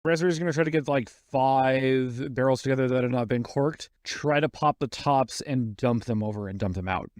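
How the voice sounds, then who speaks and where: A man's voice: medium pitch, normal speed, hardly any pauses, a little mellow, dry recording. A man playing in a tabletop game, talking through his character's plans in casual speech. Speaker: player.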